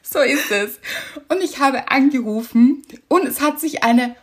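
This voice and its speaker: Woman, podcast co-host, casual chat, animated storyteller, husky. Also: high voice, unhurried. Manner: animated storytelling, laughs often.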